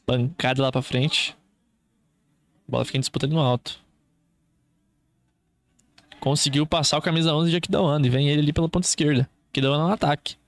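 A man's voice: on the high side, fairly even intonation, a little fast, long pauses, no room sound. A man with a Brazilian accent doing live football play-by-play as a commentator, in short clipped running phrases.

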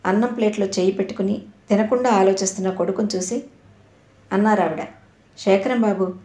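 A woman reading an audio novel aloud with a steady storytelling delivery. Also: medium pitch, fast talker. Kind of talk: scripted narration. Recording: roomy echo.

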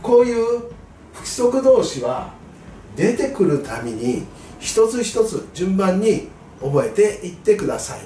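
A man tutoring exam students in English grammar, patient and clear, stressing key words with a rise in pitch. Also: sing-song, measured pace, mellow, distant mic, slight background noise. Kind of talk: lesson explaining grammar. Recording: echoey room, voice away from mic, faint music.

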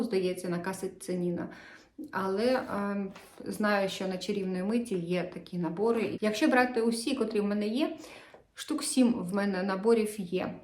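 A woman's voice: mid-range voice, a little mellow. A chatty woman talking casually to her viewers about her embroidery. She sounds enthusiastic and holds up her work as she goes. Her voice rings a little in an echoey room. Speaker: cross-stitch vlogger.

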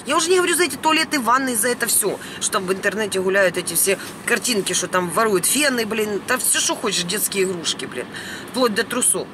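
Inside a van, a Ukrainian woman vlogger films herself with a camera at about arm's length, ranting indignantly and bluntly in an unscripted video. Her medium-pitched, expressive voice moves quickly and is emphatic, peppered with mild swearing, against the noise of the vehicle cabin.

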